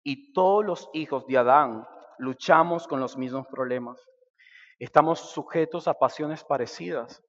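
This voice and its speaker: A man preaching a sermon, swinging between loud and hushed. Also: fairly high pitch, measured pace, big-room sound, muffled recording. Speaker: pastor. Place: church sanctuary.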